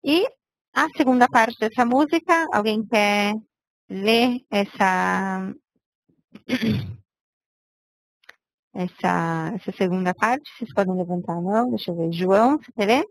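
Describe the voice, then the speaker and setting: A woman's voice: medium pitch, slow, pauses often, no echo, low-quality recording. A woman teaching a language lesson, patiently explaining step by step and checking in with her students. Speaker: Hebrew teacher.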